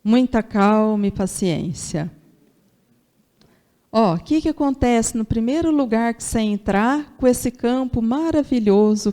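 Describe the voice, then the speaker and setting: Mellow-voiced woman giving a spiritual talk. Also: fairly high pitch. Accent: São Paulo interior Brazilian Portuguese. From Brazil. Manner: conversational, rhetorical questions. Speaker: spiritist lecturer. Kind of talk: Sunday lecture.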